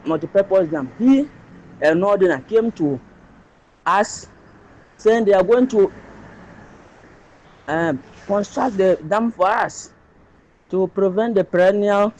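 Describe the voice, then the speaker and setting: Voice message insistent high-voiced man. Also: takes it slowly, long pauses, a little mellow, rough recording. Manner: insistent, repeats and restarts phrases. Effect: phone voice message played on air. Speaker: listener sending a voice note. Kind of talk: political opinion voice note.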